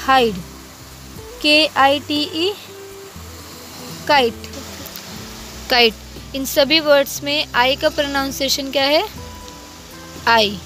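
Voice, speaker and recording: A young woman teaching phonics to small children, her voice pitched high. She talks slowly and spells words out letter by letter, calling the pupils "beta". Faint music plays behind her. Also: fairly bright tone.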